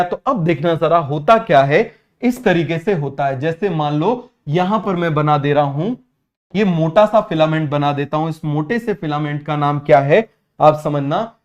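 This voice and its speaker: A young man teaching biology, constantly asking students whether it is clear and having them repeat terms. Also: on the high side, moderate pace. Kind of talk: online exam-prep class.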